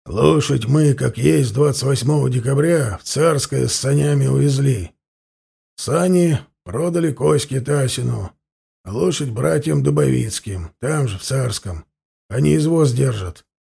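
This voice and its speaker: A man voicing a rough, hot-tempered peasant robber in an audiobook reading, blustering and indignant. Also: medium pitch, measured pace, warm tone, exaggerated voice. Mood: confessing.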